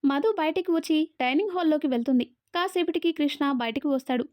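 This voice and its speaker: High-voiced woman storyteller. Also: fast talker, darkish tone. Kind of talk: scripted story narration. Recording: dull, dry lo-fi audio.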